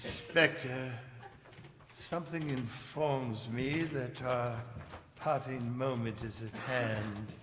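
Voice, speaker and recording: A man playing an old miser in a theatrical staged audio drama, with a halting, stammering, melodramatic delivery. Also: mid-range voice, steady tone. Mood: fearful, solemn. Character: Ebenezer Scrooge, old miser, terrified, pleading, then giddily redeemed. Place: live stage in a library hall. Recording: echoey hall, music behind.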